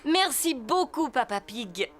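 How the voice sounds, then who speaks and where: A woman voicing a brisk, expressive grown-up rabbit lady in a French-dubbed preschool cartoon. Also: high-pitched, over a noisy crowd, very noisy, full character voice. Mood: upbeat. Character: Madame Rabbit, brisk chatty grown female rabbit. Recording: music behind the voice.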